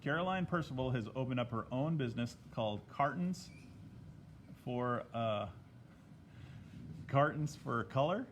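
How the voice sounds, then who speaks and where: A man's voice: mid-range voice, animated, measured pace, long pauses, a little hiss or hum. Chatty man teaching a drawing lesson. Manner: chatty, greets viewers by name mid-lesson. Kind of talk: casual live-stream drawing lesson. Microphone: tablet microphone.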